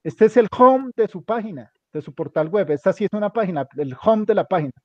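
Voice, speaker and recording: A man's voice: high-pitched, lively intonation, brisk, no room sound. A man teaching a hands-on computer class, giving directions step by step and repeating them often. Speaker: instructor. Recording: dull lo-fi recording.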